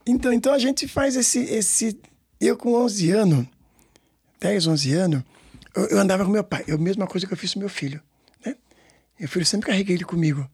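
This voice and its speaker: A man's voice: sits high, animated, normal speed, a little mellow. A man in his sixties from Brazil with a São Paulo Portuguese accent, a samba school director telling stories in a rambling way with many repeats and tag questions. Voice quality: gravelly and husky. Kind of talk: storytelling interview.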